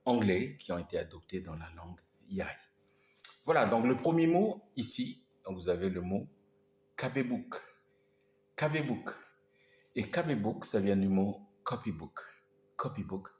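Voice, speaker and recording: A man's voice: deep voice, darkish tone. A man giving a vocabulary lesson, patiently repeating each word several times. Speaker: language teacher. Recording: roomy echo.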